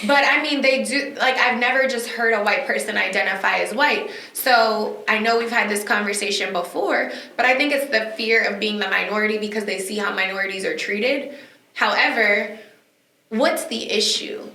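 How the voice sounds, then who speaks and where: Bright-voiced opinionated woman co-host. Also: medium pitch, normal speed. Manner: opinionated, rhetorical questions. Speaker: podcast co-host. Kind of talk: casual discussion. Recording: echoey room.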